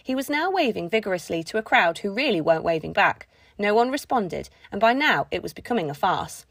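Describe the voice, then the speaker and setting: A woman narrating a children's book in an expressive storytelling manner. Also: medium pitch, brisk, dry recording. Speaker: audiobook narrator. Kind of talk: scripted narration.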